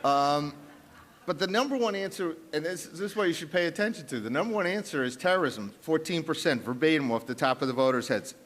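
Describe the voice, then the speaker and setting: A man's voice: on the high side, lively intonation, fairly quick, a bit bright. A man from the South Bronx with a New York accent, presenting poll numbers emphatically on a conference panel. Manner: emphatic, punchy, with frequent restarts. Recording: long reverb of a large conference hall.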